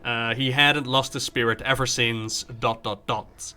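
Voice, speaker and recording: A man's voice: mid-range voice, fairly even intonation, measured pace, pushed and bright, clear, resonant tone. A man streaming a game, commenting live, joking, recapping the story and acting out dialogue as he reads.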